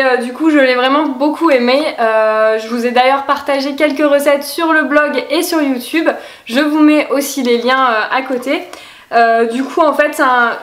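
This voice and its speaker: A young woman talks through her favorite products in a casual, bubbly vlog. Her voice sits high, and she fills her sentences with little hesitations and quick laughs. The room around her sounds bright and echoey. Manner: chatty, many fillers, laughs easily. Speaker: lifestyle vlogger. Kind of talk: casual monthly favorites chat. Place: home room with plants.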